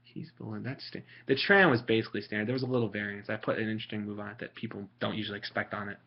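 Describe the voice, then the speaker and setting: A young Italian man fires off his words rapidly with vocal fry and fairly even intonation. As a vlogger, he rambles sarcastically and mockingly about game strategy with plenty of fillers. The audio is a muffled, low-fi home recording.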